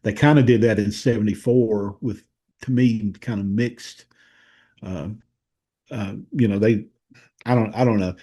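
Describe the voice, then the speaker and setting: A man from Tennessee with a Southern accent, a guest historian recalling details thoughtfully in a conversational interview, pausing to search for words. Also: fairly low pitch, steady tone, dark tone.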